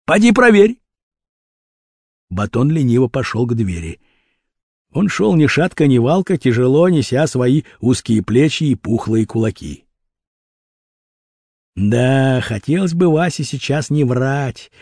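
A man narrating a children's adventure story with expressive, vivid storytelling. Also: mid-range voice, unhurried, slightly rough, dry recording, clean studio sound. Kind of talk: audiobook reading of a children's adventure novel.

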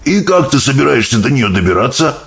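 A man voicing a big, gentle giant who mangles his words into odd coinages, in a storybook reading. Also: medium pitch, sing-song, a little fast, creaky, voice pushed up. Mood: musing. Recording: dull audiobook sound, faint music.

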